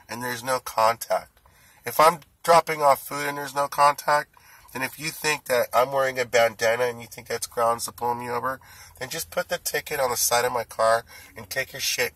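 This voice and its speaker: A man's voice: medium pitch, sharp tone, no echo, rough recording. Forties male, indignant ranting vlogger, tense edge, dry close sound. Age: 40s. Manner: indignant, ranting, rising heat. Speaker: food delivery driver. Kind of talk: angry monologue to camera.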